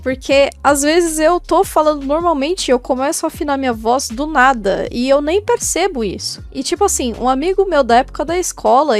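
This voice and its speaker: A woman in her twenties talking to the camera in a casual, candid, chatty vlog. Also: high-pitched. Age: 20s. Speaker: YouTuber and cosplayer.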